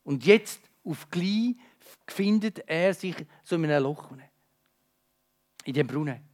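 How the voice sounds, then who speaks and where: A man preaching a sermon with an emotive, dynamic delivery that moves between urgent and hushed, speaking straight to his listeners. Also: on the high side, animated, takes it slowly.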